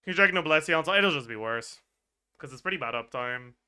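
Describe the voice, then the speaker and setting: A man's voice: on the high side, expressive, moderate pace, sharp tone, smooth. A man streaming a game, chatting casually and thinking aloud, swearing and laughing as he works through numbers. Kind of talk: livestream game chat.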